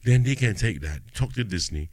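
Deep-voiced Singaporean man chatting in Singlish-tinged English. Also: expressive, moderate pace, a little mellow, no room sound. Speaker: podcast host.

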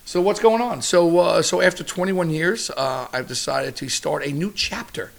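A middle-aged man, a chef, chatting casually in an interview as an animated, slightly profane storyteller. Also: on the high side, normal speed, gravelly.

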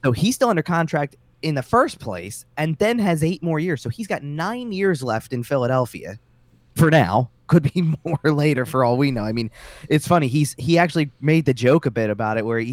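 A man's voice: fairly high pitch, lively intonation, fairly quick, no echo. A man co-hosting a casual sports podcast, often restarting and repeating words as he makes his point. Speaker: podcast co-host.

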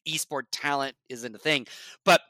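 On a dry recording, an esports broadcasting guest chats shop on a casual podcast at normal speed. He's blunt and emphatic, curses, and frequently sinks into a low, quiet voice.

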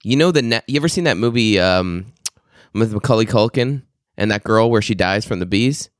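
Rambling low-voiced podcast guy. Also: lively intonation, normal speed, no echo, studio quality. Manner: rambling, laughing, crude storytelling. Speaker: podcast co-host. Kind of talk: casual chat.

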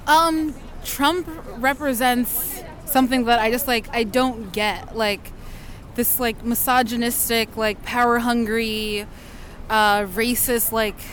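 Brief: woman groping for words, slightly high voice, faint street noise. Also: steady tone, takes it slowly, a bit bright. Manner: hesitant, lots of "like". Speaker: marcher interviewed. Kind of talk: street interview.

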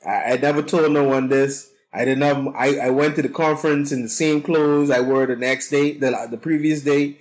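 A medium-pitched, darkish voice with a steady tone moves at normal speed with hardly any pauses. It belongs to a talkative, boisterous Bahamian cannabis consultant, a guest telling his story in a casual interview and often repeating words.

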